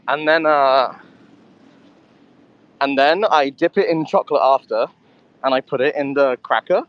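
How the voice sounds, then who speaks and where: A man's voice: medium pitch, a little slow, pauses often, dry recording, lo-fi sound. A man telling a rambling story in casual chat, swearing often, speaking from a convenience store. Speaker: co-host of a live audio chat.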